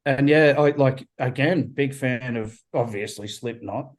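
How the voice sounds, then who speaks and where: A man's voice: medium pitch, measured pace, poor audio. A man talking casually about his band over a video call, enthusiastic, repeating words and using many fillers. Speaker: band member guest.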